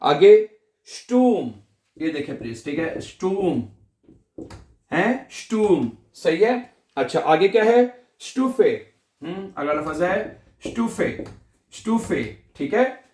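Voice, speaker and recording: Guy with teaching, says each word again and again, fairly high voice. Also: expressive, darkish tone, reverberant. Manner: repeats each word slowly, asks and answers himself. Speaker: language teacher. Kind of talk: online language lesson.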